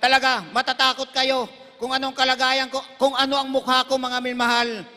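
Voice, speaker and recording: A man's voice: very high-pitched, completely flat delivery, a little fast, sharp tone, big-room sound. A man giving an emotional healing testimony to a congregation, who keeps calling his listeners beloved and breaks into hallelujahs. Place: crusade gathering in a large hall.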